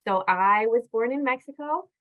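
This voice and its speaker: A woman's voice: on the high side, moderate pace. Woman presenting a webinar over a video call. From California. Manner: conversational, with frequent fillers. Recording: dull lo-fi webinar audio.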